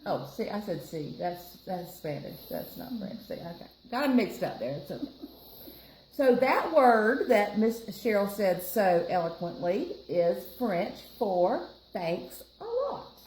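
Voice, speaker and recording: In a roomy, echoing space with faint noise behind her, an American woman reads a picture book to kids at library storytime. Her mid-range voice is sing-song and somewhat dark, and she keeps a measured pace. She chats and explains along the way, addressing her audience and co-reader.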